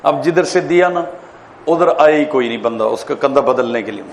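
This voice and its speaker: A man, a mufti, giving an animated classroom lecture on public speaking, quizzing his listeners and telling jokes. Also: mid-range voice, creaky, slight background noise. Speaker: mufti teaching a course. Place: lecture hall.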